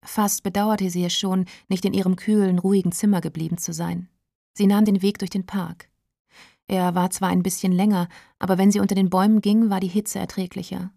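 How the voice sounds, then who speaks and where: A woman narrating a story aloud in a calm, even audiobook reading. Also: mid-range voice, fairly quick, creaky, no echo, studio quality.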